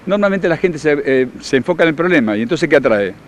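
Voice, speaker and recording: Hombre, acento argentino, tono didáctico y firme, leve ruido de tráfico de fondo. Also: male voice, a little high, expressive, fast talker, slight background noise. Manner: confident, instructive, emphatic. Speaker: workshop leader and therapist. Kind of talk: explanatory interview answers.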